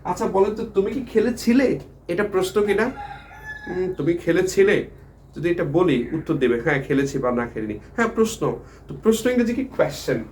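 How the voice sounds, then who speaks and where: A man's voice: high voice, expressive, moderate pace, darkish tone, a little hiss or hum. A man teaching English grammar who keeps asking his viewers questions and then answering them himself, repeating the key words. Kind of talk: grammar lesson explaining at a board.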